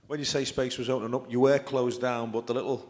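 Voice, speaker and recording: A male presenter steers the interview with polished, leading questions. His voice is mid-pitched and even. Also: quick pace, big-room sound.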